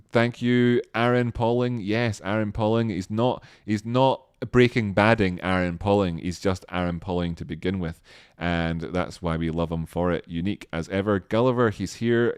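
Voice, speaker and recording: A man's voice: deep voice, clear, resonant tone, no room sound, studio quality. A man hosting a live stream, casually thanking viewers by name in a rambling, self-deprecating way with many restarts.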